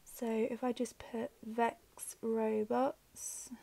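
A middle-aged planner vlogger rambles and thinks aloud in a chatty plan-with-me narration, her voice a little worn as she starts to lose it. It's fairly high, gravelly, and mellow, with little pitch movement and an extremely slow pace.

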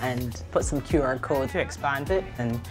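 A young woman from Barbados, speaking calmly and earnestly about her life as a documentary narrator. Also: rumbling low, moderate pace, music in the background. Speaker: entrepreneur and advocate.

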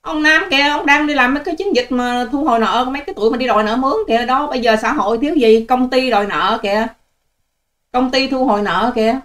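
An older woman rants straight to her viewers, scolding and sarcastic. Her voice sits a little high, and she fires off her words at a rapid clip. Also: a bit bright. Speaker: online channel host. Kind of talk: ranting vlog monologue to viewers.

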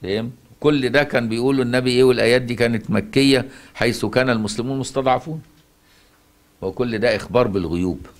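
A man with an Egyptian Arabic accent leads a Quran recitation class. He keeps asking his student rhetorical questions and answers them himself. He hammers a point home by repeating key words, at a mid-range pitch. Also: quick pace. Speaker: Quran teacher.

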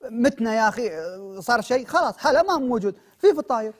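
A young man with a Saudi accent plays his part in a comic sketch with a high, light voice. He talks very fast. His manner is breezy and offhand, and he brushes every worry aside with easy promises. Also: lively intonation, breathy edge. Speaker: comedy show co-host.

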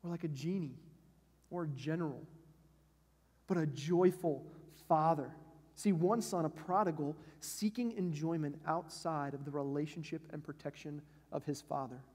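A man's voice: on the high side, normal speed, a little mellow, slightly rough. A male pastor preaching a sermon in a church sanctuary, talking in a conversational way and asking his listeners questions. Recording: long church hall reverb.

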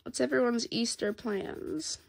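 Stuffed up from a cold, this coloring channel host speaks in a slightly high, gravelly voice. She chats casually with viewers as she colors, soft and unhurried, pausing here and there, while an overhead camera shows her hands.

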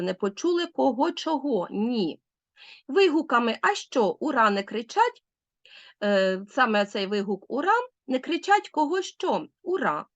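A woman's voice: medium pitch, no echo. A woman teacher giving a recorded grammar lesson, asking leading questions and answering them herself.

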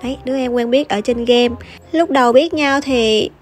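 A young woman chats and teases in a fairly high voice while narrating a mobile game. She laughs often. Loud upbeat music plays under her voice-over. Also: moderate pace. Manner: chatty, teasing, laughs often. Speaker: gaming YouTuber. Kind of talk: casual gameplay commentary.

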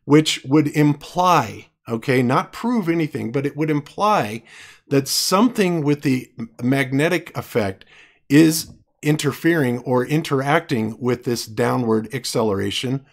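Hoarse guy in a debate, gravelly voice, keeps stopping and restarting. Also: mid-range voice. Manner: halting, many restarts and fillers. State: losing his voice. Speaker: debater presenting evidence. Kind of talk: live online debate.

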